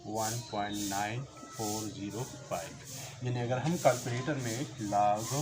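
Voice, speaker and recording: A man teaching a math lesson, explaining slowly, repeating each step and counting aloud. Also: on the low side, fairly even intonation. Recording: noticeable background noise.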